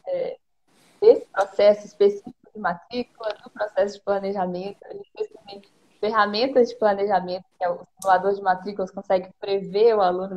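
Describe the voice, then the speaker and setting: A woman with a Brazilian accent, a policy consultant calmly explaining her points one by one in a live-streamed conversation. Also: mid-range voice. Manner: methodical, lays out points one by one. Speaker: education policy consultant, guest. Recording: dull lo-fi stream audio.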